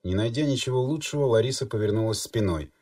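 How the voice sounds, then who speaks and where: A man reading an audiobook in measured, even storytelling narration. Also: mid-range voice, dry recording, studio quality, far from the mic. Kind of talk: scripted narration.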